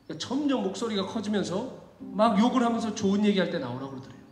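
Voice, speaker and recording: High-voiced pastor preaching in an echoey hall. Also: male voice, animated, quick pace. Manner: dramatic storytelling, swings from hushed to shouting. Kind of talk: sermon. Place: church sanctuary. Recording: echoey hall with faint music.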